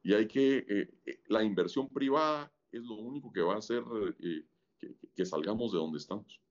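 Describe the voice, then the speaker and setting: A man's voice: fairly low pitch, animated, normal speed, muffled recording. A man, a guest in a podcast interview, explaining at length with frequent restarts and fillers. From Guatemala. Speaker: guest, business leader.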